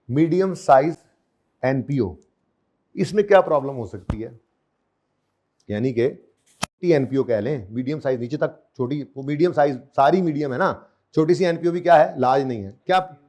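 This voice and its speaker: A man's voice: mid-range voice, darkish tone. A man lecturing on accounting to a class, repeating key terms over and over and quizzing his students. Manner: drills terms by repetition, asks students questions.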